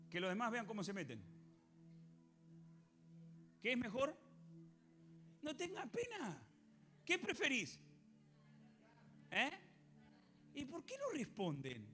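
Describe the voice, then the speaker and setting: An Argentine man preaches from the pulpit with a high, lively voice that leaps up and down as he quizzes his congregation. His tone is bright and forceful, and soft music plays behind him. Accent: Argentine Spanish. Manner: animated, questions the congregation, acts out biblical voices. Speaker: pastor. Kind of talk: sermon.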